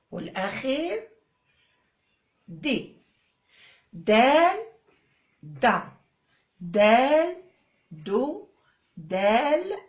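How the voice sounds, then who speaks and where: Animated Algerian woman teaching phonics. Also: mid-range voice. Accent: Algerian Arabic. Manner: drawn-out syllables, coaxing and praising. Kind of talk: phonics lesson for young children.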